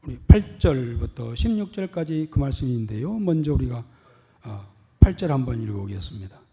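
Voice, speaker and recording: A man's voice: medium pitch, sing-song, moderate pace, dark tone. A man who is the senior pastor, preaching a sermon emphatically with rhetorical questions and repeated key words.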